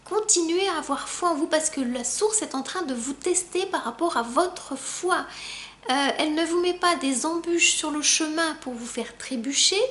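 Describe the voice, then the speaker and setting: A woman spiritual coach passing on a channeled message in a gentle, encouraging way, a little halting with fillers. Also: sits high. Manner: gentle, encouraging, addresses listeners fondly. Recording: roomy echo.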